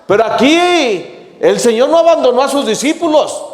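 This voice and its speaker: A male pastor with a Mexican accent preaching a sermon emphatically, repeating his opening words and breaking into shouts. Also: extremely high pitch, lively intonation, moderate pace. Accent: Mexican Spanish. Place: church sanctuary. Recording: echoey church with long reverb.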